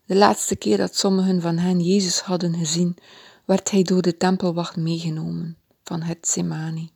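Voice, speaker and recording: Soft breathy woman reading a story. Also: fairly low pitch, flat delivery, normal speed, dry recording, clean studio sound. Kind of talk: children's Bible story reading.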